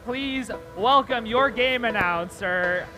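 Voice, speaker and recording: A man with a very high voice hosts a live competition. He announces in a hyped, singsong style, stretching out his phrases. Loud music plays behind him. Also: slow pace. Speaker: event emcee at a robotics competition. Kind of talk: live arena announcing, hyped team introductions.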